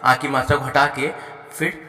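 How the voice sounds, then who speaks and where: Male schoolteacher walking pupils through an exercise, patient, spells words slowly, bright voice, roomy echo. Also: mid-range voice, level tone. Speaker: Hindi teacher. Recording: echoey room with long reverb.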